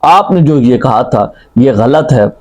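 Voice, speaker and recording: A man, a mufti, giving a measured religious rebuttal, citing books and reciting Arabic. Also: mid-range voice, animated, poor audio.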